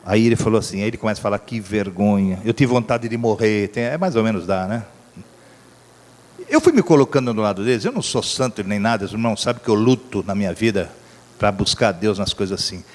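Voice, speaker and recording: A man's voice: lowish voice, lively intonation, fast. A middle-aged Brazilian man, preaching a sermon as a pastor and acting out a story with voices and sound effects. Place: church hall. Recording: church hall reverb.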